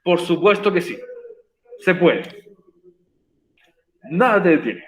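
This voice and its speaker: A man's voice: sits high, sing-song, slow. Man, teacher, patient step-by-step explaining, roomy echo. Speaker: English teacher. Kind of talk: online class explanation.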